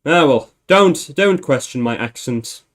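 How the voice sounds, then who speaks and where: Slow, rambling man thinking aloud. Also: on the high side, lively intonation. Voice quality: meandering, self-correcting, chuckling. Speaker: livestream host. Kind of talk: casual thinking-aloud livestream.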